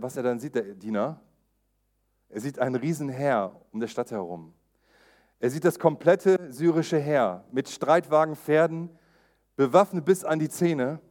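A man preaching, retelling a Bible story in a lively way and acting out the quotes. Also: a little high.

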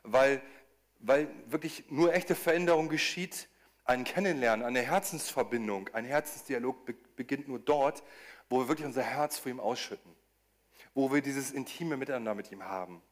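A man's voice: mid-range voice, moderate pace. A man preaching a sermon, talking animatedly, often stumbling into restarts, acting out quoted voices and cries with rising emphasis.

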